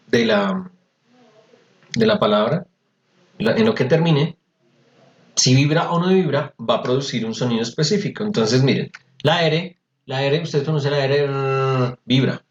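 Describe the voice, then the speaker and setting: Chatty teacher on a video call. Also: male voice, medium pitch, animated, moderate pace, pauses often, slight background noise. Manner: patient, chatty, repeats words to drill them. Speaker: English teacher. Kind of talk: online class explaining pronunciation. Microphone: computer mic on a video call. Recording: roomy, slightly dull video-call audio.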